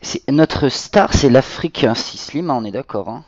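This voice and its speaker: A man's voice: mid-range voice, expressive, moderate pace, highs cut off. A man chatting casually as he plays a flight simulator as pilot, hesitant and repeating words while thinking aloud. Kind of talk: casual chat while playing.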